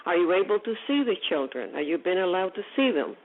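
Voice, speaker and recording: A woman's voice: fairly low pitch, sing-song, fast talker. Woman, radio host, probing, repeats herself, phone-like sound. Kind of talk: call-in radio talk. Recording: narrow phone-like radio audio.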